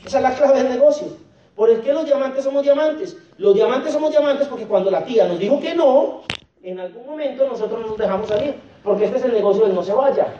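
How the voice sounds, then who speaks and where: A man's voice: very high-pitched, brisk, warm tone. A man giving a motivational stage talk at a business convention, joking and firing rhetorical questions at the crowd. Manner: jokey, keeps asking the crowd rhetorical questions. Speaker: network marketing leader speaking at a convention. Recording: echoey, dull hall sound from far off.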